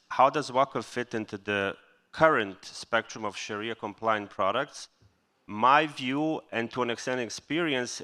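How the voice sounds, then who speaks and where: Brief: male panelist from Bosnia, clear resonant voice, measured delivery. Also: mid-range voice, sharp tone. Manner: measured, explanatory. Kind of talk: conference panel answer.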